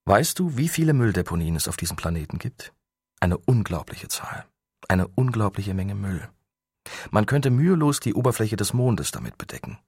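A proud, driven inventor makes his case earnestly, read by a man. The voice sits low with a husky edge, and the sound is dry and close. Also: sing-song, normal speed, darkish tone, dry recording, exaggerated voice. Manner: earnest, persuasive explaining.

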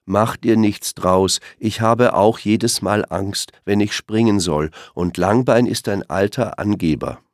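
A man's voice: lowish voice, a little slow, hardly any pauses, dry recording, studio quality, pitched above the performer's own voice, close to an everyday voice. A man voicing a kind, shy young fawn in a children's story, friendly and reassuring.

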